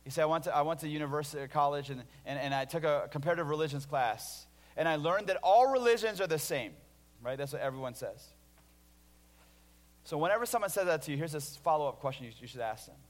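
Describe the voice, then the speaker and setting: Pastor in a reverberant hall, energetic. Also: male voice, a little high, fast. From Illinois, USA. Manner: animated storytelling, many restarts, swings between loud and hushed. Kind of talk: sermon with personal story.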